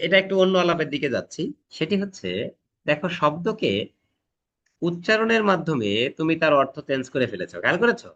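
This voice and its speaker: A man with a slightly high voice teaches a classroom lecture, demonstrating pronunciation with loud, emphatic stresses and often checking whether the students follow. The recording has its highs cut off.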